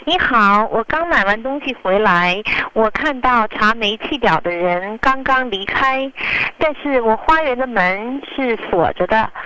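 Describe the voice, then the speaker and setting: Bright, expressive woman caller, slowly paced. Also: fairly high pitch, clean tone, rough recording. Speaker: customer caller in a scripted phone dialogue. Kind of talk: scripted customer service role-play.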